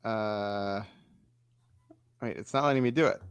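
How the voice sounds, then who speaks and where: A man's voice: on the low side, unhurried, clean tone, dry recording. Jokey man in a dry-sounding room. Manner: jokey, punning asides. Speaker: guest. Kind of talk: casual chat.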